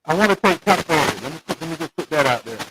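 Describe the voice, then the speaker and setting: A man's voice: a little high, animated, quick pace. Guy on a bad remote line, sounds underwater and muffled, lots of fuzz and hiss, kinda far off. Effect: muffled, fuzzy, underwater-sounding remote audio. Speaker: podcast co-host. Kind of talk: casual sports picks chat. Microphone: remote call connection. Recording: fuzzy noisy remote line, distant mic.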